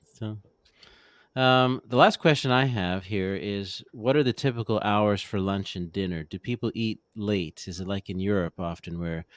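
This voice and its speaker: A man's voice: on the low side, normal speed, no echo, studio quality. A man hosting a casual interview, putting informal questions to his guests. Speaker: host asking questions.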